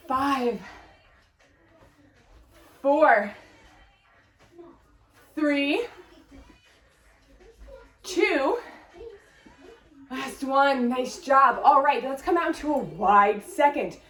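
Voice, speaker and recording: A woman's voice: high-pitched, a bit bright, roomy sound, distant mic. A woman fitness instructor leading a workout class, upbeat as she counts reps and cues form while exercising along.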